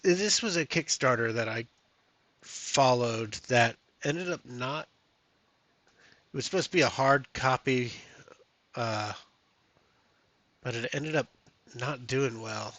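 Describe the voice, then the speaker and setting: A man's voice: mid-range voice, takes it slowly, pauses often, fairly bright tone, no echo. A man streaming a solo tabletop game, reading rules and chatting casually to viewers, thinking aloud with many fillers. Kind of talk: casual live-stream chat.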